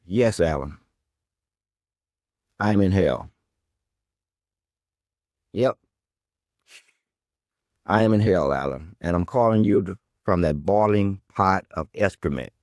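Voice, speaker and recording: A podcast host with a deep, slightly mellow voice rails at a guest who isn't there, in dry, studio-quality sound. Sarcastic and swearing, his confrontational monologue keeps returning to the same questions.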